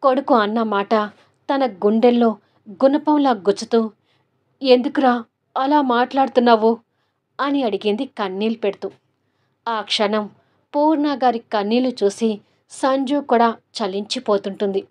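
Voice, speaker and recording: A woman's voice: a little high, moderate pace, a little mellow. Woman narrating a dramatic audio serial. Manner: dramatic storytelling.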